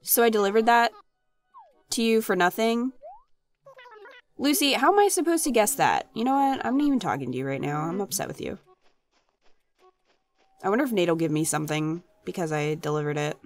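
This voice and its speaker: Over video game music, a woman hosting a gaming channel chats her way through a let's play, sounding playfully exasperated. Her medium-pitched voice is animated and a bit quick, with a phlegmy, congested quality.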